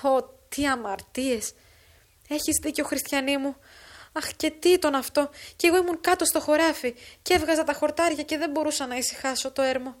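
A woman's voice: high-pitched, pitched above the performer's own voice, close to an everyday voice. A woman voicing a distraught village father who laments in a dramatic audiobook reading. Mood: lamenting.

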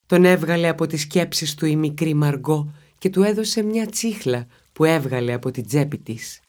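A woman narrating a children's story in a steady, expressive reading voice. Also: sits low.

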